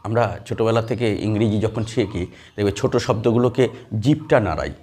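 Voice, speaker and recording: A man's voice: fairly low pitch, normal speed, darkish tone, husky. A man teaching English grammar in a classroom, explaining step by step with many fillers and questions to the students. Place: classroom with a board.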